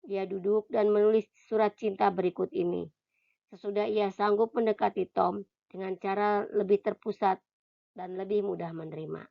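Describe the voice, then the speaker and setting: A woman reading a self-help audiobook aloud in a calm, measured way, dropping soft and quiet on short one-line phrases. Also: mid-range voice, creaky, lo-fi sound. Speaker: audiobook reader.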